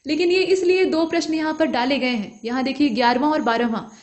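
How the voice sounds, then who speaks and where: A woman with a high voice leads an exam-prep grammar lesson. She explains each point patiently, step by step, and keeps checking in with her viewers. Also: quick pace. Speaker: Hindi grammar teacher.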